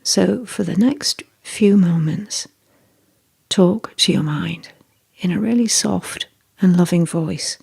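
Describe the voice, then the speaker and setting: A meditation guide reads a scripted guided meditation in a medium-pitched voice that is soft, breathy, measured and deliberate.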